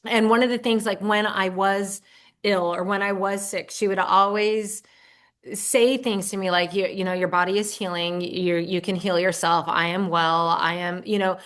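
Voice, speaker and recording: Her mid-range voice is fairly bright and fairly even, moving at normal speed. A middle-aged podcast guest with her own show, she chats earnestly and casually, affirming things and often restarting her sentences.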